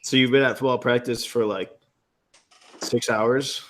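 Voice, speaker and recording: A man's voice: mid-range voice, steady tone, unhurried, slight background noise. A man hosting a casual live-stream hangout, teasing his guests in a dry way and laughing often.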